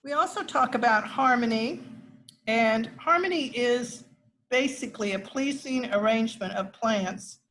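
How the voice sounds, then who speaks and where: A woman's voice: a little high, unhurried, a bit bright, a little hiss or hum, rough recording. Chatty woman teaching a gardening class. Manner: chatty and conversational, with frequent asides and restarts. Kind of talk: informal classroom lecture. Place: classroom with a live audience.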